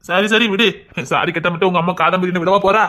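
A man dubbing a fast-talking, earnest young hero. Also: high voice, fairly even intonation, sharp tone. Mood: fretful. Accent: Tirunelveli Tamil. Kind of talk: comic dub of a TV serial.

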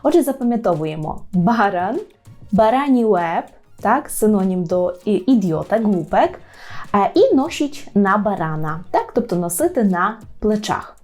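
A woman teaching a language lesson to learners, slowing down to repeat each word carefully. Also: mid-range voice, sing-song, a little mellow. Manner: slows down to repeat words carefully. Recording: faint background music.

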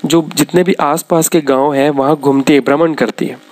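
A man teaching an exam-prep lesson over slides, listing items briskly and pausing to explain. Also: fairly high pitch, steady tone, a little mellow. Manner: brisk, lists items one after another with frequent pauses to explain. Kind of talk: slide-based lecture.

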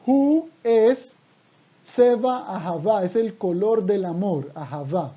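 A man's voice: high-pitched, animated, takes it slowly, mellow, slightly rough. A man teaching a language lesson, patiently repeating words for the learner to drill. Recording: dull lo-fi audio.

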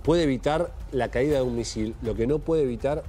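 A middle-aged man with an Argentine accent anchoring a live TV news panel, speaking in a measured way with fillers. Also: mid-range voice, warm tone, faint music behind. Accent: Argentine Spanish. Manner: measured, thinking aloud with fillers. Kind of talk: live studio panel discussion. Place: TV news studio.

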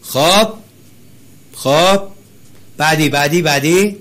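A male teacher leading an interactive class, calling on students by name, praising their answers and chanting syllables slowly to show the rhythm. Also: on the high side, fairly bright tone.

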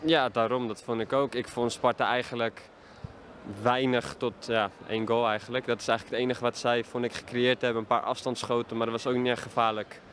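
A young man in his twenties gives a post-match interview as a footballer. His voice sits at an ordinary pitch, and he talks haltingly with frequent fillers. He is recorded outdoors at a stadium on a handheld reporter mic, with faint noise behind him. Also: level tone, fairly bright tone. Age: 20s. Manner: hesitant, many fillers. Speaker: football player. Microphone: handheld reporter mic held up to him.

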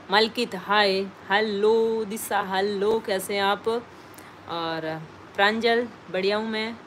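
A woman's voice: medium pitch, steady tone, drawn-out words, pauses often, a little hiss or hum. A woman chatting casually on a live stream, greeting viewers and reading their names aloud from the comments.

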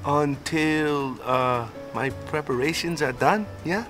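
A man's voice: a little high, slow pace, a bit bright, faint music behind. An actor playing a brash, good-natured young father in a video game, talking informally with questioning tags on his phrases. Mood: proud, defensive.

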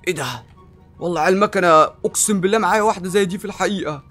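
A young man with an Egyptian Arabic accent doing excitable gameplay commentary, often shouting and drawling in amazement. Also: high-pitched, very fast, soft background music. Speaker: gaming YouTuber.

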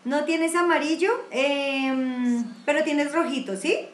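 High-voiced Colombian woman teaching painting. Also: fairly even intonation, slow, roomy sound. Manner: chatty, encouraging, uses many diminutives. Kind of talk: live online watercolor class. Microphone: computer mic on a video stream.

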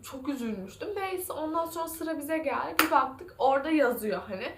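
A young woman vlogging casually, retelling her day in a chatty, animated way and laughing often. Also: high voice, fairly quick, reverberant, background noise. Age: young adult. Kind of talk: casual vlog storytelling.

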